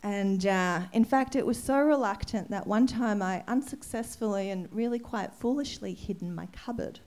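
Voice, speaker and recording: A woman yoga teacher tells a gathering at an ashram how she came to teach. She speaks candidly and sounds emotional, letting soft laughs slip in. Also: mid-range voice, normal speed. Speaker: yoga teacher giving a satsang talk. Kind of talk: personal story told to a gathering. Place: ashram hall.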